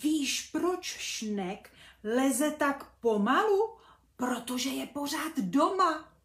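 A woman voicing an excitable young boy bumblebee who shouts in a high, eager voice. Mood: excited. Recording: echoey room.

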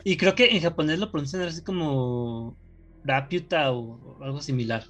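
Rambling man, slightly high voice. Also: steady tone, moderate pace, a bit bright. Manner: joking, rambling explainer. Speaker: podcast co-host. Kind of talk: casual chat.

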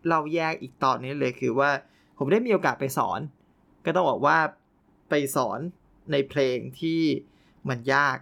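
A young man hosting a casual storytelling podcast, animated and often laughing. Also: on the high side, vocal fry. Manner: animated, laughing, playful exclamations. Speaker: podcast host.

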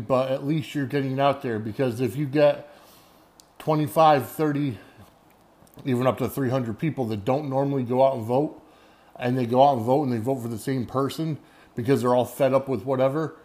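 Male podcast host, American accent, mid-range voice, off-the-cuff monologue with halting, wandering delivery. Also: medium pitch, darkish tone. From United States. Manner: rambling, halting, often searching for words. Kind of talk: unscripted solo podcast monologue.

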